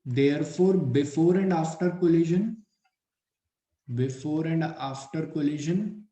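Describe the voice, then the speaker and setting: Slow, echoey Indian physics teacher dictating. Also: male voice, on the high side, dark tone. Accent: Hindi-English mix, Indian English. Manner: slow, repeats each phrase for dictation. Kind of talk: dictating lecture notes.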